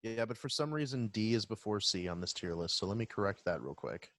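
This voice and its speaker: A young man co-hosting a casual music review chat, walking through band history in a relaxed, joking way. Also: on the low side, fairly quick, no room sound. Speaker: podcast co-host.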